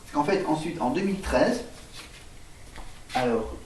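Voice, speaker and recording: A man vlogging casually, hesitating with fillers and restarts while he writes on a board and spells words out loud. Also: a little high, animated, unhurried, distant mic. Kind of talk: rambling casual vlog, spelling words aloud. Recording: echoey room, voice off-mic, faint noise.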